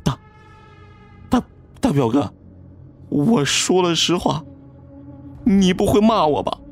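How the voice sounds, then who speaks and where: A high, stammering, scared young cousin, as a male audiobook narrator puts him on, faint music behind. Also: sing-song, unhurried. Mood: frightened stammer. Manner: stammering, pleading.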